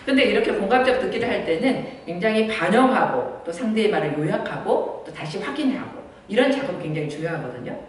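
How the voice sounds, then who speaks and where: A woman's voice: medium pitch, animated, quick pace, few pauses. A woman giving a lecture on talking with children, asking her listeners questions and acting out parent and child exchanges. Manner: asks the audience rhetorical questions; acts out mother and child dialogues. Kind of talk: church training lecture. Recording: very echoey hall, mic far off.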